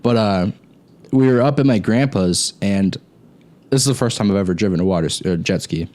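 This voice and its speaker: With a lowish, slightly mellow voice and a somewhat quick delivery, this young co-host of a gaming group's talk show rambles through stories in casual chat, cursing without restraint.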